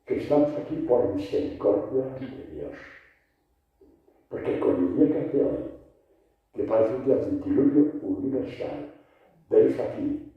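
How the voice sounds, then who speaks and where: A man preaching a catechesis in a large church, lively and rhetorical, putting questions to the congregation. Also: mid-range voice, measured pace, pauses often. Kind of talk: sermon catechesis. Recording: echoey church, distant dull mic.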